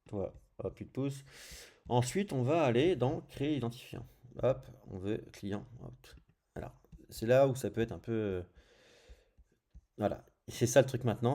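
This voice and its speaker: Tutorial host: male, French accent, deep-ish warm tone, relaxed screen-share narration full of small fillers. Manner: thinks aloud while clicking through screens, frequent "hop" and "euh". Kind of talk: casual screencast coding tutorial.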